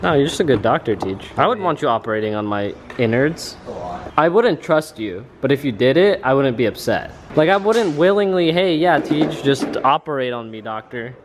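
A man's voice: medium pitch, sing-song, a little fast, background noise. A man bantering playfully and teasing his friend while working on a car. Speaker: car builder helping in garage. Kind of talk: casual joking banter.

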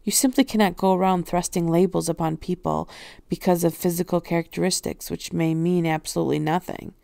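A woman voicing an elderly male professor who speaks in a measured, careful way, in a storybook reading. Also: lowish voice, steady tone, creaky, warm tone, smooth, dry recording.

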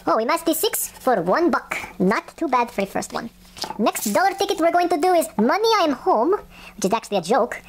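High-pitched woman, put-on Russian accent. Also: sing-song, fairly quick. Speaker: host of scratch ticket videos. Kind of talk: casual play-by-play narration. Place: indoors at a wooden table. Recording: faint scratching noise, home recording. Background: scratching of lottery tickets.

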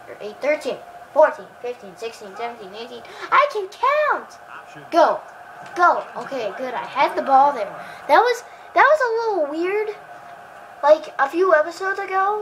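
A woman giving excitable live commentary while playing a football video game, cheering and groaning at the plays and chatting to viewers. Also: fairly high pitch, noisy background.

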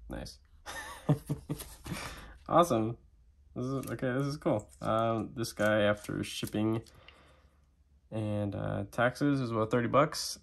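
Relaxed, chatty male vlogger with a deep, fry-heavy voice, thinking aloud as he unboxes. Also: a little slow. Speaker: knife and gear reviewer. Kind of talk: casual unboxing vlog.

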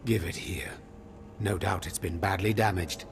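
A man's voice: deep voice, fairly even intonation, moderate pace, vocal fry, a little hiss or hum. An actor playing a harsh, contemptuous male Sith overseer in a video game, giving cold commands. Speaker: academy overseer.

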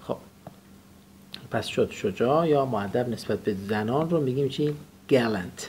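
A man's voice: mid-range voice, expressive, darkish tone, slight background noise. A man teaching English vocabulary in class, drilling words and having his student repeat them back.

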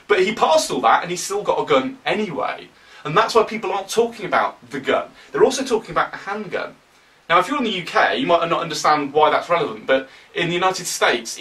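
A young man with a British accent giving animated, opinionated commentary to camera, often sarcastic. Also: on the high side, distant mic, rough recording. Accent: British English. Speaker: political vlogger.

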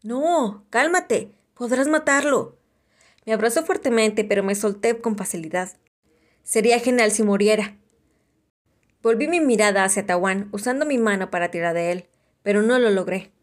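A woman reading a novel aloud in a steady, plain storytelling manner. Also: medium pitch, normal speed. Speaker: reader.

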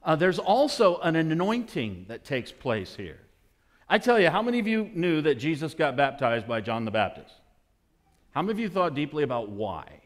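A middle-aged man preaching a sermon as pastor, telling a story and now and then bursting into excited shouts. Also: fairly high pitch, normal speed. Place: church sanctuary.

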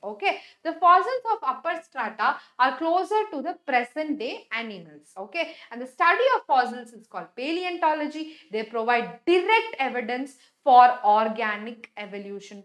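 A woman's voice: sits high, a bit bright. A young woman with a South Indian Tamil accent, a native Tamil speaker, teaching a biology lesson emphatically, repeating key words and checking in with short questions. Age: young adult. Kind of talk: animated classroom lecture, reading and explaining slides. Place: indoor teaching studio with a display board. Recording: echoey room sound.

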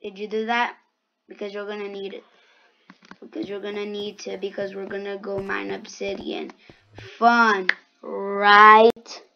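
A woman's voice: mid-range voice, completely flat delivery, normal speed, gravelly, highs cut off. A woman hosting a gaming channel, giving casual gameplay commentary with sarcastic, grumbling asides.

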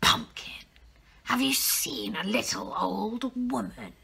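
A woman voicing a hungry, grumpy male wolf in a hushed, breathy, grumbling voice. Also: on the high side, slow, full character voice. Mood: suspicious.

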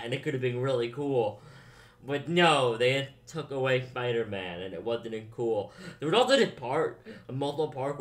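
A young man giving a casual movie review, rambling and saying "like" a lot. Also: medium pitch. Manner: rambling, heavy use of "like".

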